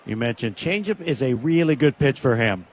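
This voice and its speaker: A man giving radio baseball color commentary, talking through the game in relaxed, conversational analysis. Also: mid-range voice, moderate pace, a little hiss or hum.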